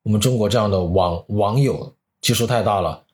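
A man chatting casually as a comedian guest on a podcast, telling stories in an animated, colloquial, joking way. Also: on the low side, a little fast.

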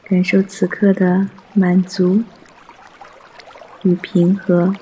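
A man guiding a mindfulness meditation in a soft, hushed, breathy voice, gentle and soothing, with long pauses. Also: sits high, completely flat delivery, slight background noise. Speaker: meditation guide.

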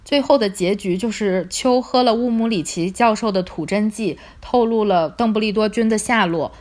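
A woman hosting a book club podcast, reading a novel aloud and then reflecting on it calmly. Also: medium pitch, moderate pace. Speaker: podcast host.

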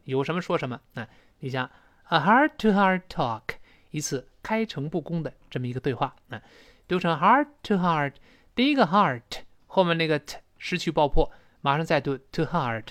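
Man teaching pronunciation, lively up-and-down voice, a bit high, dry close sound, repeats phrases slowly. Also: no echo. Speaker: English teacher. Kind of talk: explaining English pronunciation in Mandarin.

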